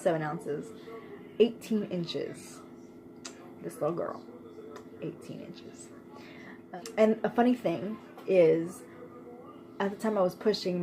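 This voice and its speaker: A woman's voice: on the low side, mellow, slight background noise, low-quality recording. A young woman vlogger telling a personal story in a casual, chatty way, laughing often and using lots of fillers.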